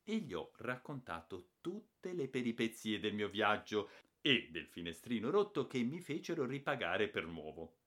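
A man reading a children's novel aloud as an expressive audiobook narrator. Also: fairly low pitch, moderate pace. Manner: expressive, lively storytelling.

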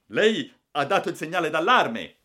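A man's voice: fairly low pitch, expressive, a little fast, pushed and bright. A man voicing officious male train officials who speak firmly. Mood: alarmed. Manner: firm, officious.

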